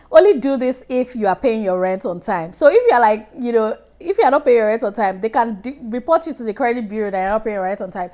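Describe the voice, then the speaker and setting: With a slightly high, darkish voice, a woman who vlogs about personal finance chats directly to camera with casual money advice. Calling out viewers by name, she tends to restart her sentences as she goes.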